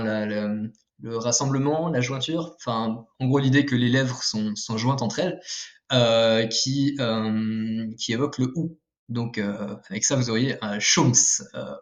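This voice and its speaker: A man's voice: medium pitch, dull audio. A man giving a casual video lesson, explaining step by step with frequent fillers and self-corrections while drawing with a pen. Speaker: language teacher.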